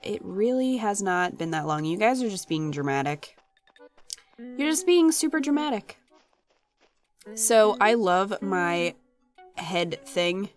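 A woman's voice: mid-range voice, animated, slow, pauses often. A woman with a phlegmy, congested voice giving casual, chatty let's play commentary in playful exasperation. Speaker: gaming channel host. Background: video game music.

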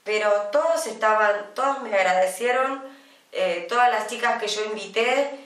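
Co-hosting an informal studio chat show, this Argentine-accented woman in her fifties speaks chattily and lets many pauses stretch out. Her pitch is medium and her tone fairly bright. She sits far from the desk microphone in a small indoor TV studio, which gives the audio a roomy, off-mic quality.

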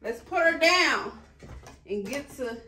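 Female vlogger, American, high voice, casual and expressive, playful slang. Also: slow, reverberant, a little hiss or hum. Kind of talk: casual chat to camera.

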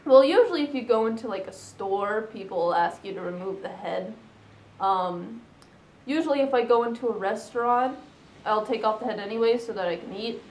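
A woman's voice: medium pitch, expressive, brisk, roomy sound, a little hiss or hum, low-quality recording. A young adult woman answering interview questions casually, hesitant, with many "um"s and "like"s. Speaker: interviewee, fursuiter.

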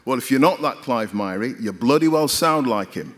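A man's voice: mid-range voice, lively intonation, normal speed, close to an everyday voice. A man quoting a blunt, cheeky man with a Mancunian accent whom he met in a lift.

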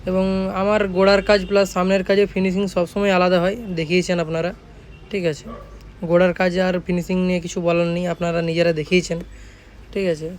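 A man with a high, darkish voice and a West Bengal accent presents a casual video as the owner of a speaker workshop in Jhargram, West Bengal, India. He repeats himself and frequently adds tag phrases seeking agreement, with slight background noise present.

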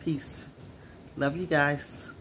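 A teary-eyed man records a personal vlog at home and talks earnestly, coming back to the same words again and again. His voice sits a little high for a man and has a rough, gravelly creak. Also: flat delivery, extremely slow, a bit bright, slight background noise. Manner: earnest, emotional, repeats himself. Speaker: vlogger. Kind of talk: casual personal vlog talk.

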